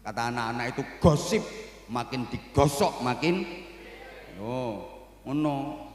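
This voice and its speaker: A middle-aged man with a Javanese accent giving a humorous sermon as a preacher, telling animated stories and mimicking characters. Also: mid-range voice. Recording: echoey hall with long reverb.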